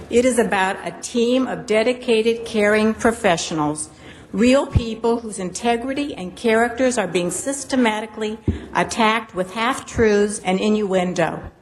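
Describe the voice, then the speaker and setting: A middle-aged woman reading prepared public comment to a council in an earnest, formal manner. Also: mid-range voice. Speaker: zoo employee speaking at council meeting. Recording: faint background noise.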